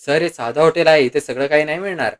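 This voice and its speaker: A man's voice: fairly high pitch, fast talker, lightly acted. A man voicing a sleepy, cheeky male hotel receptionist with a teasing manner. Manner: teasing, smirking.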